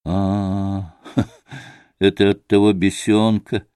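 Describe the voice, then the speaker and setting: Man voicing a scornful feverish young man, curt, sardonic, lowish voice. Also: sing-song, measured pace, a little mellow, no echo, clean studio sound. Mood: bitter.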